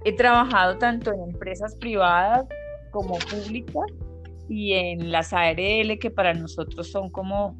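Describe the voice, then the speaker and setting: A middle-aged Colombian woman with a Colombian accent, a professor speaking as a podcast guest, articulate with fillers. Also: on the low side. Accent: Colombian Spanish. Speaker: occupational therapy professor, guest. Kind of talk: podcast interview.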